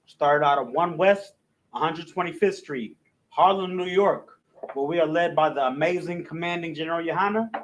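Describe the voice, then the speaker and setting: A man with a slightly high voice teaches a language class, reading out an alphabet letter by letter. He speaks haltingly with frequent restarts and fillers, and the recording quality is low.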